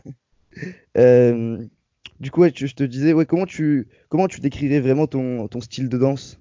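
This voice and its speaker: A man's voice: medium pitch, moderate pace, warm tone, dry recording. A man hosting an interview over a phone call, hesitant and often repeating his words. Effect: over a phone call line. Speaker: interviewer, host. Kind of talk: casual interview. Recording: dull lo-fi call line.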